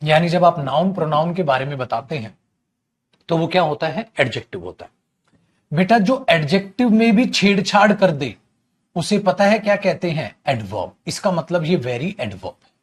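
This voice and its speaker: A grammar teacher with a Hindi accent gives an online class, his somewhat high voice rising and falling a lot. He explains patiently and fondly calls his students "beta". He keeps asking the class questions and then answering them himself. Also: sing-song, moderate pace.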